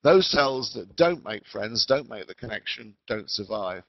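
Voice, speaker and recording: A man giving a measured educational talk over a patchy online call whose sound fades in and out. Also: fairly low pitch, lively intonation, gravelly, dry recording. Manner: measured, deliberate explaining. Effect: patchy online call audio that fades in and out. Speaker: webinar speaker. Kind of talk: educational lecture. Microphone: remote call mic. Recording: dull lo-fi call line, dry.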